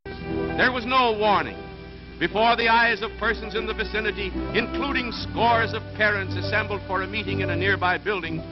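A man's voice: high-pitched, normal speed. A man announcing on an old newsreel, with a grave, declamatory 1930s delivery. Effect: old newsreel soundtrack. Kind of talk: dramatic 1930s newsreel narration. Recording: dull lo-fi old film sound with music. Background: loud music.

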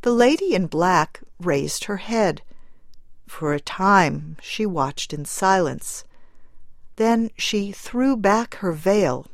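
A woman narrating a short story in a calm, measured way. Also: mid-range voice, no echo. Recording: dry close recording with soft music.

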